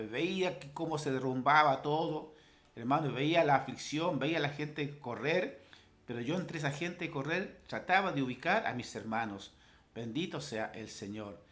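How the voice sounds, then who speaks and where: A male pastor delivers a sermon in a fairly high voice. He swells in pitch and force on scripture quotations, then drops to quiet, intimate asides, calling the listeners brother as he preaches. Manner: preaching with fervent rises on scripture and soft asides; addresses listeners directly as brother.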